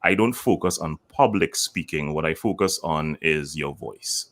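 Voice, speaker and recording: A man who works as a voice coach, explaining his methods as an interview guest in a measured way and demonstrating lines with deliberate intonation. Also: very deep voice, a bit bright. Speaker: voice communication coach.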